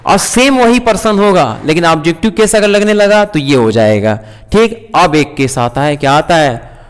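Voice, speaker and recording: Male teacher, high voice, repetitive question-and-answer classroom delivery, long reverb. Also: smooth. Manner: asks questions and repeats key points. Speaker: English teacher. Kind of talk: classroom grammar lesson.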